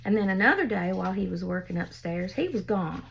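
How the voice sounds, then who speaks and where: A woman's voice: mid-range voice, lively intonation, a little fast, gravelly, breathy edge. An older woman, chatting folksily as she tells family stories and shows a craft project at home. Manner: folksy, chatty, laughs at her own stories. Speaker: craft vlogger. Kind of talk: casual storytelling and craft demo.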